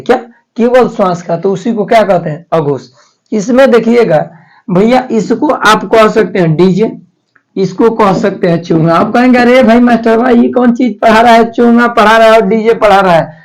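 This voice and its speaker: A Hindi teacher with a high, darkish voice gives a grammar lesson for exam preparation, captured on a low-quality recording. He's chatty and repetitive, posing questions and then answering them himself.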